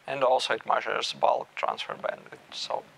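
Gravelly-voiced man giving a technical talk. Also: medium pitch, level tone, fairly bright tone, slight background noise, low-quality recording. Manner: measured, thinking aloud with small restarts. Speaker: meetup speaker. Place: small room with stage curtains.

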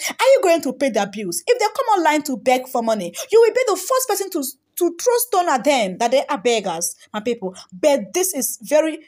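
A young woman with a Nigerian accent, narrating entertainment gossip over screenshots of comments. Her voice sits high and swings widely up and down, with bursts of laughter and Pidgin asides. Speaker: celebrity gossip presenter. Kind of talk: voice-over reading social media comments.

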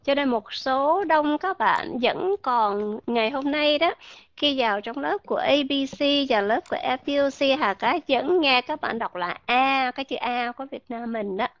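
A woman teaching English pronunciation to an online class, modeling sounds slowly and asking her learners questions. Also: high voice, animated, no room sound, dull audio.

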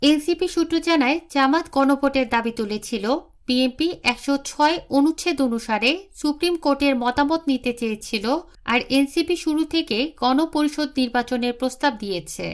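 High-voiced woman reading the news. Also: normal speed. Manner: even, formal delivery. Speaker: news presenter.

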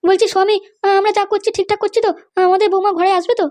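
A woman's voice: very high voice, level tone, rapid-fire, darkish tone, no room sound, pitched above the performer's own voice. A woman voicing an anxious, pleading middle-aged mother in a cartoon, fretful and insistent. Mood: worried. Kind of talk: cartoon voice acting.

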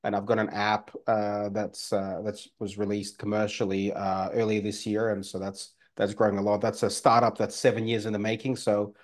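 A low-voiced man with an Australian accent, born in the former Soviet Union and raised in Australia, speaks as a guest entrepreneur in a casual interview over a webcam video call. He talks in a monotone at normal speed with hardly any pauses, rambling with many fillers and restarts, from a home room by a fireplace.

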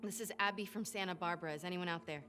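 A woman's voice: lowish voice, fast talker, sharp tone, faint music behind. An actress with an American accent playing a determined young woman survivor in a video game, speaking in an earnest, clipped way. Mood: anxious, pleading. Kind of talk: video game drama acting.

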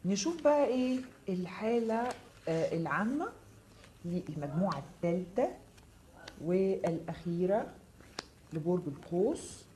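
A woman with an Egyptian Arabic accent giving a live tarot reading, answering viewers' comments with quick, reassuring, direct advice. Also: lowish voice, lively intonation, mellow, a little hiss or hum. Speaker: tarot reader.

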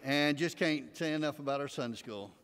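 An older man with an East Texas twang delivers folksy announcements from a pulpit, fairly quick and on the high side, peppered with "uh"s. The pulpit mic catches crowd noise and a noisy background. A choir is behind him, and the big sanctuary adds long reverb.

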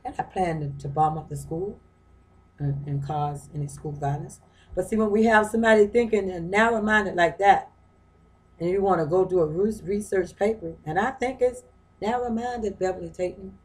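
A woman's voice: mid-range voice, normal speed, rough recording. A woman giving an informal lecture from home, talking through a book in a conversational way, often repeating phrases and asking rhetorical questions. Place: her home.

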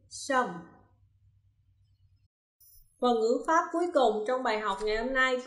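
A woman teaching English in a recorded lesson, her voice sitting fairly high. She reads each example slowly and distinctly, then explains the answer in a steady, methodical way. The sound is roomy, with a noticeable echo. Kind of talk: recorded classroom lesson, explaining grammar exercises. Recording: roomy, echoey room.

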